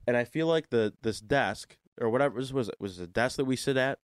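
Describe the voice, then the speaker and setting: A young American man speaks a little fast at medium pitch, his voice congested and stuffy like a plugged nose, while hosting a chatty, self-deprecating sports talk radio show. He's recorded on a desk studio microphone in a radio studio, with no room sound and studio quality.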